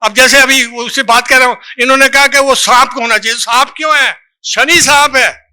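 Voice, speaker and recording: A man's voice: very high voice, fairly even intonation, fairly quick, pushed and bright, clear, resonant tone. A man giving a lecture to a live audience as a seminar speaker, reciting verse and quizzing listeners with short questions. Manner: recites lines of verse from a book.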